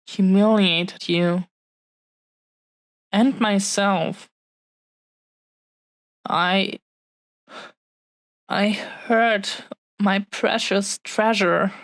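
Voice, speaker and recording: In an intimate audio roleplay, a woman with a medium-pitched voice plays a possessive, adoring fiancée of dragon blood. She speaks in earnest, halting, heartfelt phrases, and the recording has no echo.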